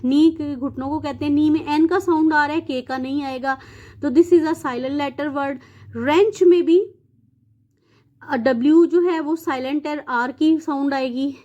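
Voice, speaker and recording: A woman from Pakistan with a Pakistani accent, working through a textbook exercise as a teacher. She explains English words in Urdu and often pauses with fillers. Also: high voice, warm tone, dull audio. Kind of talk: exercise walkthrough lesson.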